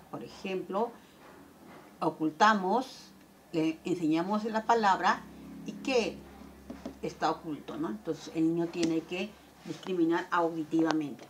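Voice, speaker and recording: Woman teacher for a lesson recording, mid pitch, slow headings and loose asides, faint noise behind. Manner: slows down to announce each heading, fills with "este" and "eh". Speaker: teacher giving a talk on dyslexia exercises. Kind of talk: explanatory lesson, reading out activity headings.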